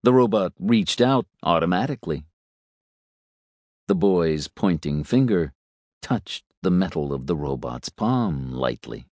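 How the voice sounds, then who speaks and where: A man reading a story aloud in a measured, unhurried way. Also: low voice, animated, a little mellow, no echo, clean studio sound. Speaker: narrator. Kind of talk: storybook narration.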